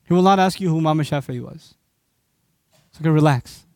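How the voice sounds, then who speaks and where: A man with a high voice preaching a fervent sermon, turning to the listeners with pointed questions. The sound is dry and close, with no room echo. He is originally from Pakistan. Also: fairly quick, a little mellow. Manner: impassioned, asks the audience rhetorical questions. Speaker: Islamic preacher. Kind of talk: sermon lecture to an audience.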